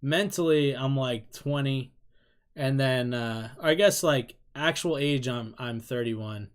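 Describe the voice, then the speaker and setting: A man in his thirties with a clean, medium-pitched voice speaks slowly while reacting to K-pop on his YouTube channel. His casual talk wanders, turns self-deprecating and breaks into laughs.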